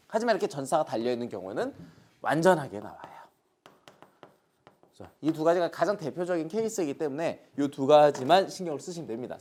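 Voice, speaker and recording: A Korean man teaching an English grammar lesson online, asking questions and answering them himself while pointing things out on the board. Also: fairly high pitch. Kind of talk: online lecture.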